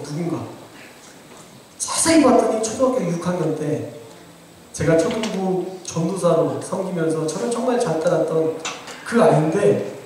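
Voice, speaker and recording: Pastor guy preaching, kinda high voice, super echoey church, mic way off. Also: a little mellow, slight background noise. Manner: earnest, exhorting, addresses congregation directly. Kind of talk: sermon. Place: church sanctuary. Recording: very echoey church room, from far off.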